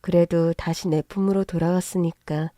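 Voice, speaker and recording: A woman narrating a first-person family story in a calm, measured way. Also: lowish voice, dry recording, studio quality.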